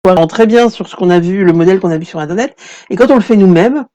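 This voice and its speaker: A woman leads a live craft tutorial from her desk, talking to the camera in a relaxed, rambling way full of fillers. Her voice is soft and mellow. She breaks off often to greet viewers and read their comments. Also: medium pitch, quick pace. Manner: chatty, reads out viewer comments, many fillers. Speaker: craft workshop host.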